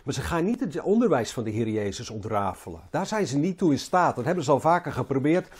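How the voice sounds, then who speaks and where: Husky, mellow preacher. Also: male voice, mid-range voice, very animated. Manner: halting, repeats words, rises and falls in emphasis. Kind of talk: sermon.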